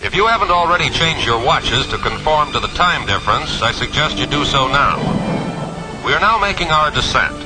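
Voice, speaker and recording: Casting: male actor as a steady jet captain giving a cabin announcement, measured and formal, music behind. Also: on the high side, natural voice, poor audio. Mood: calm. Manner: calm, measured, formal address to passengers. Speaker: airline captain. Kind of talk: cabin announcement over the intercom.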